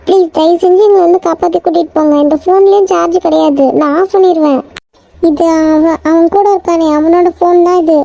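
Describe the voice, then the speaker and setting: A woman's voice: very high-pitched, fairly even intonation, fairly quick, vocal fry, mellow, highs cut off. A woman voicing anxious young women in a homemade cartoon, pleading and worried. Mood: frightened pleading. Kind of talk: amateur cartoon voice acting.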